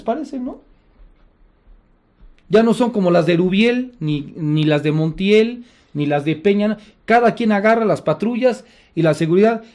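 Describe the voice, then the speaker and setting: Sarcastic high-voiced Mexican man. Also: darkish tone. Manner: sarcastic and indignant. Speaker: host. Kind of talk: political commentary monologue.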